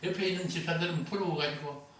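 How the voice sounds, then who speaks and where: A man's voice: on the high side, fast, a bit bright, slight background noise. An older man preaching a sermon as a pastor, telling stories with humor and acting out the dialogue. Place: church sanctuary. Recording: roomy echo, heard from a distance.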